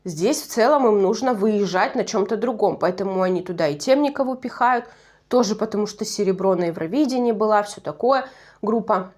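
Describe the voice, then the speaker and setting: In a casual solo commentary on a nostalgic TV show, this woman with a Russian Far East accent wanders off on tangents, fixes her own mistakes, and laughs when she slips up. She speaks briskly in a mid-range, slightly mellow voice.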